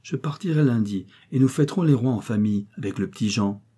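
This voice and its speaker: A man voicing a sly, cheerful seventy-year-old miller who talks in a lively, mocking way. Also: medium pitch, quick pace, husky.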